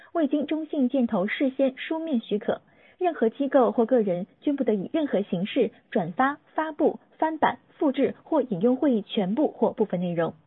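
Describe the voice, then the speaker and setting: A woman's somewhat high voice recites a scripted legal disclaimer in formal, orderly fashion. The sound is tinny and narrow like a phone line, with a slightly husky edge. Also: no echo. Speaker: disclaimer reader.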